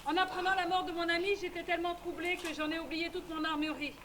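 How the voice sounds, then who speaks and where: A woman narrating in the first person as a tough frontier woman, telling her story briskly and matter-of-factly. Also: very high voice, little pitch movement, fairly bright tone, slight background noise.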